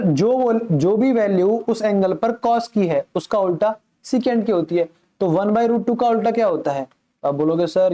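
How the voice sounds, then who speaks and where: A man's voice: high voice, warm tone. A man teaching a maths lesson, patiently asking questions aloud and answering them himself, politely addressing his listeners throughout. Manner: patient, repeats key points. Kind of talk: explanatory classroom lesson.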